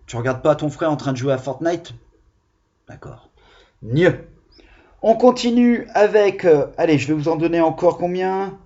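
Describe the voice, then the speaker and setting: A male primary school teacher, giving a reading lesson on video and sounding out syllables slowly and carefully. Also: fairly high pitch, warm tone. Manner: slow, deliberate, over-articulated syllables. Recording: dull lo-fi sound.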